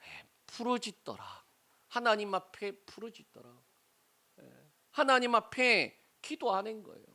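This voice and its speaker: Male pastor, sermon, middle-aged, lively swinging pitch, rhetorical questions to the congregation. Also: measured pace.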